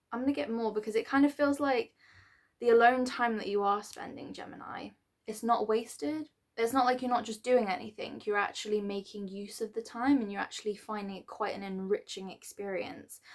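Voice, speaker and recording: A woman giving a casual, rambling tarot reading to a star sign, with many fillers and restarts and now and then clearing her throat. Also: mid-range voice. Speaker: tarot reader.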